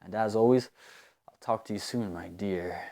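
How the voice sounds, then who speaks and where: A man gives a language lesson at a very slow, deliberate pace, stopping on fillers and repeating words as he searches for them. His voice sits a little low, and he speaks as an English speaker explaining grammar. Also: gravelly. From United States. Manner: unhurried, hesitant, with many fillers and repeated words. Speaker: English teacher.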